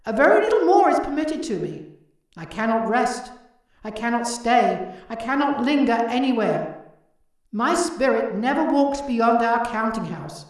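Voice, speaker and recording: Lady doing a gloomy ghost, slow and grave, booming echo from far off. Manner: solemn, slow and declaiming. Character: ghost of a dead old businessman, grave and mournful. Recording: heavy echo, distant from the mic.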